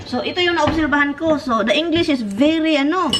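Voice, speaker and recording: High-pitched chatty Visayan woman vlogging. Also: background noise. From Philippines. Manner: chatty, giggly, animated. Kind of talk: casual chat to camera.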